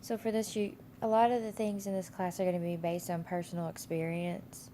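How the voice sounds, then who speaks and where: A woman instructor with a cold and a stuffy nose rambles through a course week in a casual screen-share walkthrough, full of fillers and restarts. Her gravelly, warm voice sits on the low side with a level tone and a slightly fast pace, over slight background noise.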